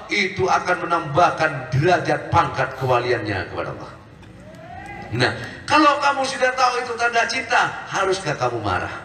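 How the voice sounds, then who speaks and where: A man's voice: sits high, sharp tone. A man preaching a sermon to a congregation, emphatic, often firing questions at his listeners. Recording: echoey hall, distant mic.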